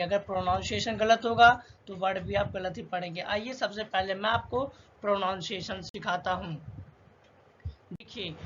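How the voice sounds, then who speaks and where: A male teacher giving a spoken language lesson, slowly and deliberately drilling letter sounds one by one. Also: high voice, fairly bright tone. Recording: dull lo-fi with faint hiss.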